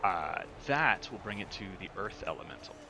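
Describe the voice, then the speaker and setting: A man's voice: fairly low pitch, normal speed, noisy background. A man narrating a tabletop game as game master, describing the action vividly. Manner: vivid, energetic scene description. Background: music.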